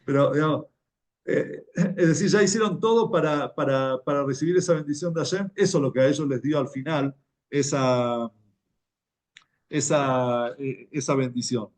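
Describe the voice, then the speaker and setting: A man's voice: medium pitch, moderate pace, a little mellow. A man with an Argentine accent giving a conversational religious class, often repeating words as he tells stories. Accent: Argentine Spanish. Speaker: religious teacher. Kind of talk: Torah class talk.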